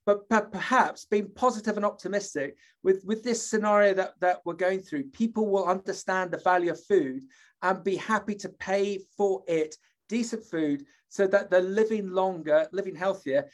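A man's voice: high-pitched, normal speed. A man from the UK hosting an interview, talking in a rambling, chatty way with many fillers and restarts. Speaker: host, interviewer. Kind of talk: conversational interview.

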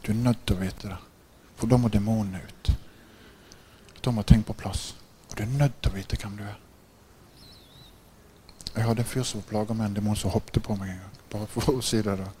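A man with a lowish voice delivers a sermon, full of stories and little laughs. He keeps turning to his listeners with "right?" and rises in volume when the tale heats up. A faint hum of room ambience stays behind him. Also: long pauses. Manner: laughs often while telling stories; gets louder and higher in excited passages. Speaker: preacher. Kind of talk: sermon with animated storytelling.

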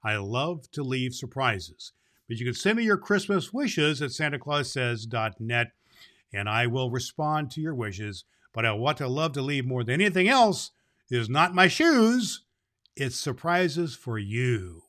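A man portraying Santa Claus reads to children and hosts the show, warmly repeating things with emphasis. He has a medium pitch with big swings, a slightly slow pace and a bit of brightness.

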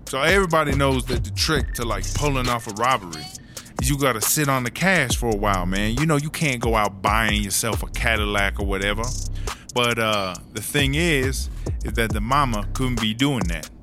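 In a comedy audio drama, a man with a mid-range voice plays a streetwise woman who has spent years in prison. He tells her stories at a moderate pace in slangy, sweary first-person talk, lightly acted, animated and gossipy, with music underneath.

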